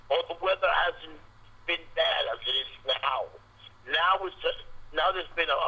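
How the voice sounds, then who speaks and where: A man calling in to a talk show over a phone line that keeps breaking up, speaking haltingly and repeating his words. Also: on the high side, sharp tone. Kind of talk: casual phone call. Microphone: telephone.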